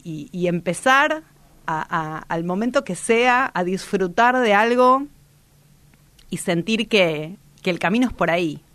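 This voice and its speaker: A woman's voice: mid-range voice, fairly bright tone, dry recording. A woman radio host, giving a reflective motivational talk in a strong, powerful voice, direct and vehement with many restarts.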